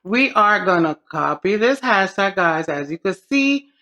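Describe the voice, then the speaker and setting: Bright, hyped woman announcing a giveaway. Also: mid-range voice, a little slow, dull audio. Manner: excited, gushing, addresses viewers familiarly. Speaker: beauty channel host.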